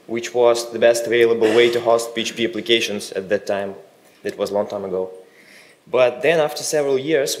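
Man giving a relaxed tech talk. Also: mid-range voice. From Russia. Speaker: conference speaker. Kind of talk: technical conference talk. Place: conference hall.

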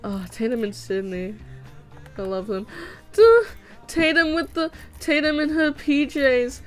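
With a high voice, lively intonation and a measured pace, a young woman chats over faint background music. She's a native Vietnamese speaker animating at home, rambling casually with frequent fillers and restarts.

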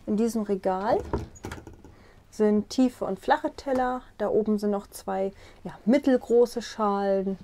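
Walking viewers through a small caravan, a young vlogger points things out and chats about them in a relaxed room tour. She speaks slowly in a warm, medium-pitched voice, recorded on a lapel mic.

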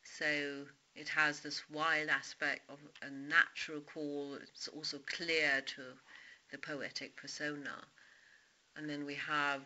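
Low-voiced lady slowly walking through a poem's meter, kinda muffled lo-fi sound. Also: little pitch movement, bright, forceful tone. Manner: explanatory, stresses meter aloud. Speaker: literature teacher. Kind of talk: poetry analysis lecture.

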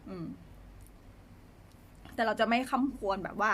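Lady vlogging about her pets, gentle and chatty, kinda high voice, lots of umms. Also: steady tone, a little slow. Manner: soft-spoken, chatty, many hesitation fillers; talks fondly to her pets. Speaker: pet owner vlogger. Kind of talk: casual chat to camera.

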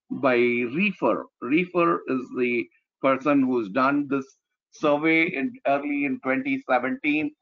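Slow-paced man, dull lo-fi audio. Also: mid-range voice. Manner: halting, frequent "you know" and "right?" tags. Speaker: presenter, trainer. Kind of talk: explanatory slide presentation.

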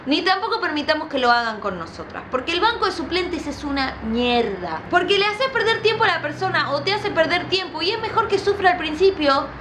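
Argentine girl reacting to a viewer's breakup story, high bright voice, crude slang, gets shrieky and mad, bit of noise behind. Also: fairly quick, few pauses. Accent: Rioplatense Argentine. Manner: animated, outraged, crude slang, shrieking asides. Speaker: youtuber.

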